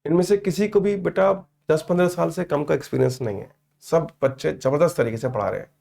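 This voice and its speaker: A man in his fifties talks with his students in a live online class, teasing them and calling them "beta". His voice sits a bit high and has a gravelly, creaky edge. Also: quick pace, a little mellow. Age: 50s. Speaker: teacher.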